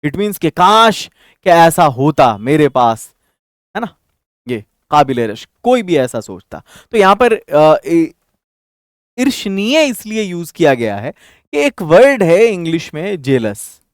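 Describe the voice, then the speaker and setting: A man's voice: on the high side, big pitch swings, slow pace, no room sound, studio quality. A man teaching an online Urdu vocabulary lesson for exam candidates, going word by word, repeating terms and checking in with "okay". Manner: explains word by word, repeats terms, mixes Hindi, Urdu and English; frequent fillers and "theek hai" check-ins.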